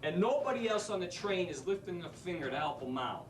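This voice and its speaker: An actor playing a brash, wisecracking New street-smarts teacher in a stage monologue. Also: male voice, high-pitched, sing-song, a little fast, noisy background. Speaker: actor in a drama school showcase monologue. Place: theater stage. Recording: echoey stage from a distant mic.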